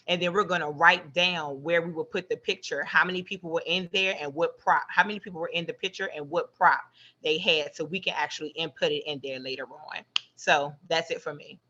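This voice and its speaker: A woman's voice: deep voice, pushed and bright. A woman who runs a photo booth business, telling a story expressively on a video call panel. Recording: slightly muffled call audio.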